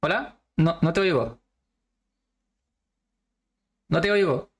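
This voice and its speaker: A woman's voice: lowish voice, expressive, normal speed, slightly rough. A woman hosting an interview over a video call, talking in a friendly, chatty way. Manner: friendly, chatty, affirming often. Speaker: interviewer host. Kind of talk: casual interview chat.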